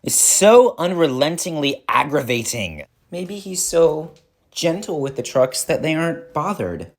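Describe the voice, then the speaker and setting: A man's voice: fairly high pitch, sing-song, unhurried, full character voice. A man voicing a vain, jealous male engine who complains in an exasperated, dramatic, sarcastic way, in a fan audio drama.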